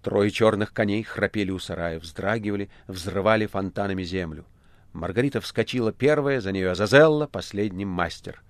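Male audiobook narrator, low and dry. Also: no room sound. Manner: measured, expressive reading.

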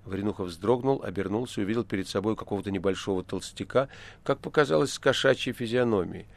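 A man narrating a novel as an audiobook, with expressive storytelling. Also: on the low side, fast talker, vocal fry. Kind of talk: literary audiobook reading.

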